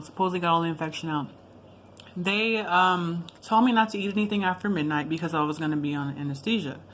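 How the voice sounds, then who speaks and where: A video blogger with a slightly low, fairly bright voice tells a personal story in a rambling, casual way. She adds asides and corrects herself along the way. Background noise is clearly audible.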